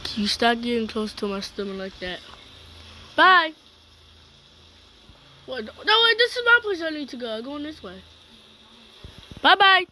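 A woman giving casual, excitable gameplay commentary as the channel host, breaking into loud shouts. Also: fairly high pitch, fast talker, few pauses, slight background noise.

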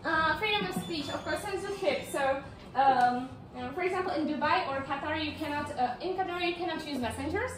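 At a meetup, a high-voiced young woman gives a casual presentation talk in a large indoor room with a projector screen. She is chatty, laughs often and uses many fillers, speaking fairly quickly with hardly any pauses in a slightly bright voice. A far camera with no visible mic picks up echoey room audio with slight background noise.

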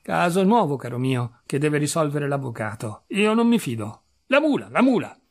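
A man's voice: on the high side, very animated, normal speed. A man reading a story aloud, voicing an irascible landowner who exclaims and fusses in agitation. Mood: agitated. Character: irascible middle-aged male landowner, fussy and stingy.

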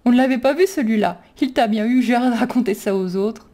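A woman's voice: fairly high pitch, brisk, mellow, natural voice. A woman reading a storybook, voicing a gleeful, teasing young man.

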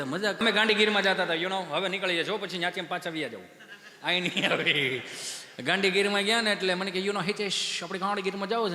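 A comedian with a high-pitched, sharp voice does stand-up storytelling, acting out the voices of the characters in his tales. The recording comes from an echoey hall with long reverb.

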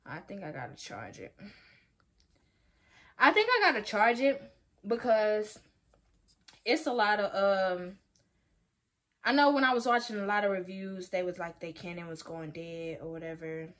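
A woman vlogger talking to her viewers in a casual unboxing video, chatty and excitable. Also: mid-range voice, measured pace, pauses often.

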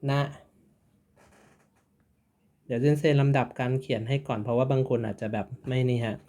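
A man's voice: medium pitch, steady tone, moderate pace, dark tone, slight background noise. A man teaching a writing lesson, patiently repeating each syllable and stroke order. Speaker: Japanese teacher. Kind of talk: slow step-by-step writing lesson.

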